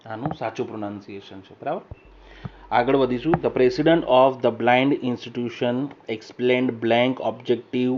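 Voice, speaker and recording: Male English teacher, mid pitch, slow emphatic reading of examples, frequent check-ins; muffled lo-fi recording with faint noise. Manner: reads English sentences slowly and louder, then explains; keeps checking understanding with short questions. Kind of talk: recorded classroom lesson. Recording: dull lo-fi voice recorder with faint hiss.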